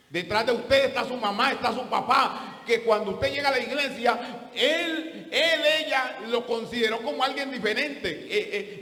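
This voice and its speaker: A man's voice: extremely high pitch, pushed and bright, reverberant, in a large hall. A man preaching a sermon as pastor, pressing his point with rhetorical questions.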